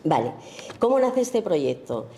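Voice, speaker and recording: A woman from Spain speaks at a festival talk about her photography, feeling her way through each thought with frequent fillers and rhetorical tag questions. Her voice sits low and soft, with a dark, mellow tone. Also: big pitch swings, measured pace. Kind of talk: informal lecture on her own work.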